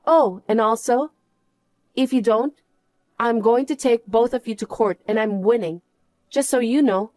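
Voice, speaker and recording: A woman's voice: fairly high pitch, measured pace, darkish tone, no room sound, lightly acted. A woman playing a scornful betrayed wife in a story drama, scolding and dismissive. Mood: firm, cold. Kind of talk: dramatised story narration and dialogue.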